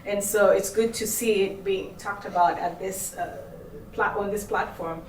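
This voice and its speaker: A woman from Uganda interviewing a guest, asking long questions in a halting way with many fillers. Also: mid-range voice. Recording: echoey room, distant mic, faint noise.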